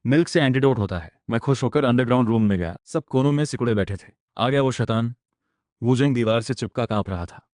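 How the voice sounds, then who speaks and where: A man tells a fantasy adventure as a scripted story recap, with a dramatic narrating delivery. His voice sits at an ordinary middle pitch. The sound is dry and close, with no room around it. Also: a little mellow, no echo. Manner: dramatic recap narration, voicing all characters himself.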